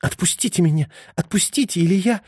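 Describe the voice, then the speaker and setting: Male narrator doing a terrified young woman, raised pitch, pleading, panicky, dry recording. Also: a little fast, a little mellow, slightly rough, dry recording. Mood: panicked.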